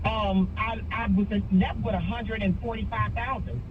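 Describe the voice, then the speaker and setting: A woman's voice: medium pitch, fairly even intonation, normal speed. A woman in her sixties calling in to a radio show, hesitant and rambling with many fillers. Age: 60s. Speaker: caller. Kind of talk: call-in radio question. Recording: phone line heard through car radio. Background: loud car noise.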